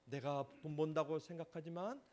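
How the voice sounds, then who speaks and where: A male pastor delivers a Sunday sermon with emphatic weight. He keeps turning to his listeners with questions, in a voice that sits fairly high for a man. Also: normal speed. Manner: emphatic, asks the congregation questions.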